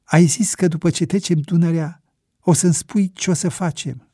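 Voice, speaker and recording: A man voicing an excitable young know-it-all who chatters eagerly. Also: on the high side, husky, no room sound, clean studio sound, voice pushed up. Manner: excited, quick questions.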